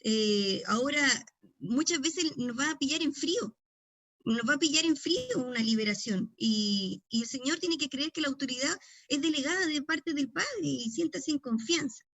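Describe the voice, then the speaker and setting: A woman's voice: high-pitched, animated, normal speed, a bit bright, no echo. A middle-aged woman pastor with a Chilean accent, teaching a deliverance session in a conversational storytelling way with frequent tag questions.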